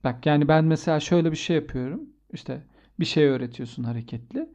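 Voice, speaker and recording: A man chatting casually on a podcast, animated and jokey, acting out quotes as he tells stories. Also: on the high side, fast talker, lo-fi sound. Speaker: instructor, podcast guest. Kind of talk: casual chat.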